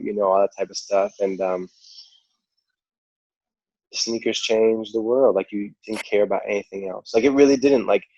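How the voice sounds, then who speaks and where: New York man, podcast guest, low voice, casual storyteller, dry, slightly muffled sound. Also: no echo. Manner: relaxed, rambling, heavy use of "like" and "you know". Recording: dull lo-fi audio.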